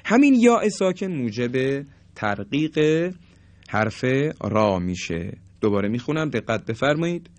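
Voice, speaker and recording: A man's voice: mid-range voice, big pitch swings, no room sound. Man teaching Quran recitation rules. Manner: slow drawn-out demonstration of words. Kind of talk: tajweed lesson, explaining and demonstrating.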